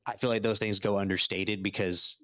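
Casual male podcast guest from Texas, low-pitched, rambles through fillers and restarts about hockey. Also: steady tone, brisk, bright, forceful tone. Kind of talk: casual sports chat.

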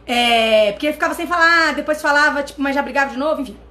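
Brazilian-accented woman, high pitch, animated vlog host telling a personal story to camera. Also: fast. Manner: animated, addresses viewers directly. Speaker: channel host.

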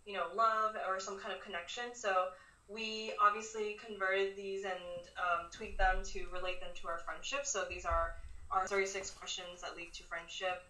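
A woman hosts a podcast, sounding bright but set back from the microphone in an echoey space. She explains casually, with an informal and slightly hesitant delivery. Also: medium pitch. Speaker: podcast host. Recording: roomy echo, distant from mic.

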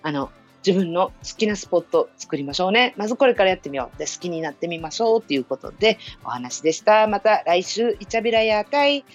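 A woman's voice: lowish voice, lively intonation, quick pace, hardly any pauses. A woman hosting a casual solo show, chatting and telling stories about herself with laughter. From Okinawa. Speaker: radio show host. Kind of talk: casual solo podcast talk. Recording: dull lo-fi sound with faint music.

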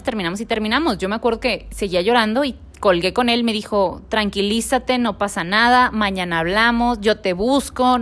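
A woman's voice: mid-range voice, fairly bright tone. A woman with a Mexican accent tells a personal story casually in an interview and acts out the dialogue she recalls.

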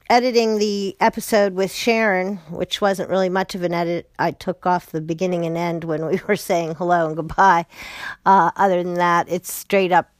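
A woman hosting a podcast in a casual, chatty way, with a gravelly voice hoarse from a cold. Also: mid-range voice, no room sound. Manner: chatty, upbeat, spells things out slowly. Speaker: podcast host.

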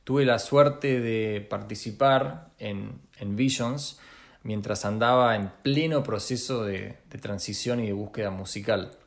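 A young man, a guest musician speaking in a thoughtful, measured first-person monologue with small restarts. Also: lowish voice, vocal fry. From Argentina. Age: young adult.

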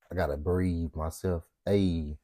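A man's voice: deep voice, warm tone, no room sound, clean studio sound. A man hosting a podcast in loose, profane, jokey slang banter. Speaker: podcast host. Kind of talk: casual chat.

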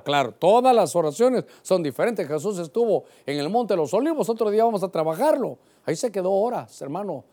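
A man's voice: high voice, dark tone. A man in his sixties, a pastor preaching a sermon with passion who keeps calling his listeners brother.

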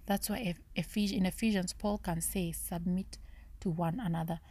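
A woman hosting a podcast, thinking aloud through a Bible study in a low, half-whispered way, often stopping to correct herself. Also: steady tone, normal speed, dark tone. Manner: searching, self-correcting musing. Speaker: podcast host.

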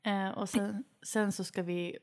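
A woman co-hosting a podcast in relaxed, casual conversation. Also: medium pitch. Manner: relaxed, listening, supportive backchannel. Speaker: podcast co-host. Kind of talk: casual chat.

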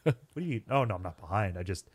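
A man's voice: on the low side, expressive, racing, a little mellow, breathy edge. A man co-hosting a podcast, chatting casually and laughing often. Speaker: podcast co-host. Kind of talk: casual chat.

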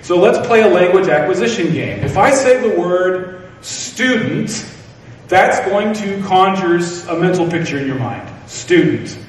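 A man's voice: high-pitched, expressive, a little slow, slight background noise. A man preaching a sermon, telling stories with self-deprecating humor. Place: church hall. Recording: echoey hall from far off.

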